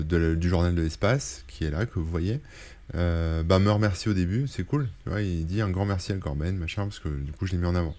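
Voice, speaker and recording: A man's voice: deep voice, a little mellow. A French man hosting a casual weekly roundup of tech links, rambling with many fillers and self-corrections. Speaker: tech blogger and streamer. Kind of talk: casual screen-share link roundup.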